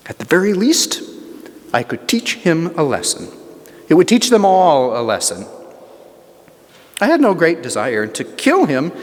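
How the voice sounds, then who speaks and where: Man playing paranoid tyrant king, slow sardonic delivery, swooping highish voice, stage monologue, long hall reverb. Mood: contemptuous, then defensive. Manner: pompous, deliberate, sardonic. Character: proud, paranoid, scornful biblical king, self-justifying tyrant. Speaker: amateur actor in church monologue. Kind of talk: theatrical dramatic monologue. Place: large church, live performance.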